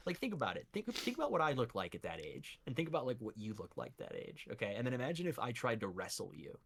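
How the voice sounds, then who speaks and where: A man's voice: medium pitch, big pitch swings, fast, creaky, fairly bright tone, husky. Brief: male podcast co-host, loose profane banter, voice that swings up and down a lot. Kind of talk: casual chat.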